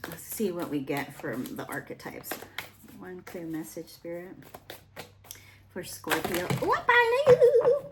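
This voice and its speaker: A woman's voice: deep voice, measured pace, pauses often, heavy background noise. A young adult woman giving a casual, rambling tarot reading, full of fillers and asides. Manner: rambling, chatty, with many fillers. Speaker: tarot reader.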